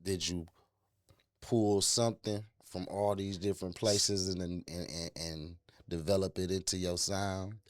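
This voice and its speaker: A man hosting a radio interview, relaxed and slangy, cheering the guest on. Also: low-pitched, unhurried, no room sound, studio quality. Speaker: radio show host. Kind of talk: casual interview. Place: radio studio.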